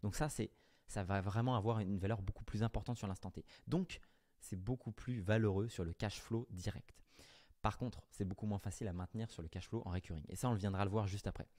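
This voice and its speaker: On camera, a business coach with a lowish, warm voice and fairly even intonation walks viewers through offers. He speaks briskly and directly, amending himself as he talks.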